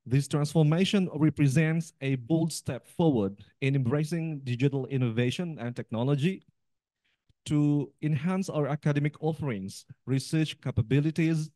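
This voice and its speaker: A man with an Indonesian accent delivers a formal speech at a podium. His voice is soft-edged and warm in tone, with very little room sound. He reads in a measured, ceremonial way. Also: medium pitch, dry recording. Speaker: university international office director.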